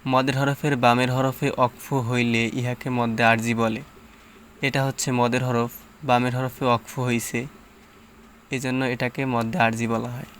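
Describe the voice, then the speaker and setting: Male Quran teacher, patient syllable-by-syllable tajweed lesson, monotone delivery. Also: medium pitch, a little hiss or hum. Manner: slow, patient, drawn-out syllables with explanations.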